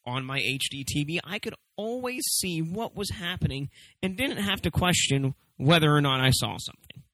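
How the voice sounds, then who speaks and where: A man's voice: on the high side, animated, normal speed, bright, forceful tone, no echo, rough recording. A man hosting a casual, comedic review, talking emphatically and swearing freely as he stresses his points. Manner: emphatic, profane, swooping for stress. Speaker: movie review show host.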